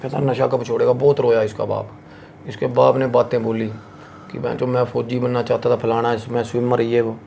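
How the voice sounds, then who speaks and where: A man's voice: medium pitch, level tone, moderate pace, creaky, dark tone, a little hiss or hum. A man hosting a podcast, telling a horror story in a casual, crude and slangy way full of swearing.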